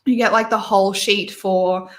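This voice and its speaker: A woman's voice: mid-range voice, fairly even intonation, normal speed. Chatty woman in an echoey room. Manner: chatty, opinionated, full of fillers and restarts. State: hiccups and sneezy. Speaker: beauty YouTuber host. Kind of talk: casual livestream chat reviewing releases.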